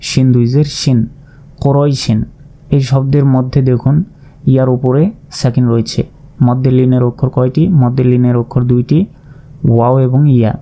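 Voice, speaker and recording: A man teaching Quran recitation in a slow, methodical lesson, spelling out letters and vowel marks, then drawing out each word. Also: mid-range voice, dark tone. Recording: dull lo-fi recording.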